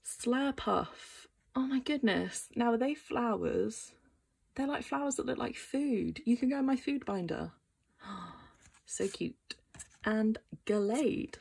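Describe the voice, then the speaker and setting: A woman's voice: fairly high pitch, animated, takes it slowly, vocal fry, darkish tone, husky. A woman casually chatting as she opens trading card packs, gasping and exclaiming over what she finds. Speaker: card-opening vlogger. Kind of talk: casual unboxing chat.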